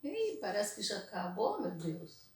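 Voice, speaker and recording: A slightly hoarse woman teacher with a Brazilian Portuguese accent, slowly walking children through a recorded lesson and often checking in with "né?". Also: medium pitch, roomy sound, a little hiss or hum. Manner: slow, lively, exaggerated pronunciation, frequent "né?".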